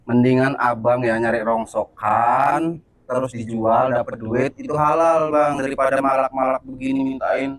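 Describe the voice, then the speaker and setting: Teasing, calm man in a skit. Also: medium pitch, normal speed. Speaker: skit lead and channel host. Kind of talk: amateur skit acting.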